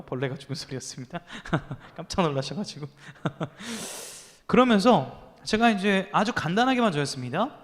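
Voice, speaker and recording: A man's voice: sits high, long reverb tail. A man in his thirties preaching a youth sermon as a pastor, telling stories with acted quotes and asking the listeners rhetorical questions. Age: 30s.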